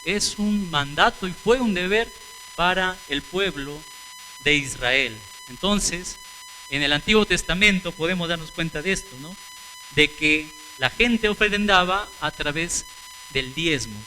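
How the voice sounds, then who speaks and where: A man's voice: sits high, huge pitch swings, measured pace, sharp tone, slight background noise, rough recording. A man preaching a sermon, asking rhetorical questions and answering them, calling the congregation brothers and sisters.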